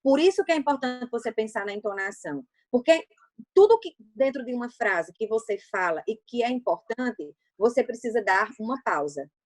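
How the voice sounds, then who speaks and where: A middle-aged woman from Brazil coaching on public speaking, teaching step by step and answering her own questions. Her voice sits fairly high, and the sound is dry and close, with no room around it. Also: expressive, moderate pace, dry recording. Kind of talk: explanatory talk on a livecast.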